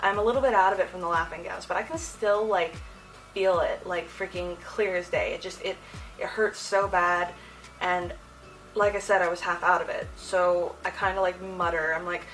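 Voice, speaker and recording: A young adult woman hosting a casual storytime vlog, talking in an animated, slangy way. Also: on the low side, moderate pace, distant mic, faint music behind, low-quality recording. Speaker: video host. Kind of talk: casual personal storytime to camera.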